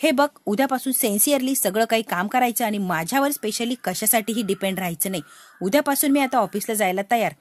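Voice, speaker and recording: A woman's voice: on the high side, fast talker, no echo, natural voice. A woman voicing an irritated young husband who scolds his wife and demands respect. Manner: scolding, exasperated.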